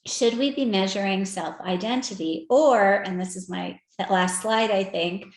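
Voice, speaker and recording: A woman gives a conference talk, speaking in an animated, conversational way and putting direct questions to her listeners. Her voice sits in a middle range, and the room around it is roomy and echoey. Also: medium pitch, a little slow. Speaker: speaker at an equity research event. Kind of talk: conference talk presenting slides. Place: virtual event.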